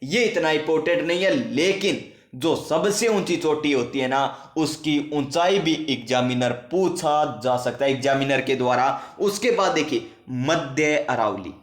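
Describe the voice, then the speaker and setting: Male tutor, exam-prep lesson, self-quizzing and repetitive, fairly high voice, echoey room. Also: a little slow. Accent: Rajasthani. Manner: asks and answers his own questions, repeats key facts. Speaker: teacher.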